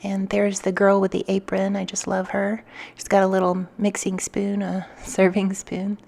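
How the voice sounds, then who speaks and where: A woman's voice: mid-range voice, monotone, normal speed, vocal fry, darkish tone. A woman giving a casual craft tutorial as a vlogger, chatting through each step as she works. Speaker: craft vlogger and design team member.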